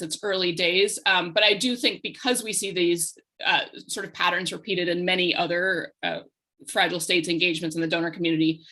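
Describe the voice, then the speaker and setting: Woman panelist, bright tense voice, analytical, hesitant ums. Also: on the low side. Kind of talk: policy roundtable discussion.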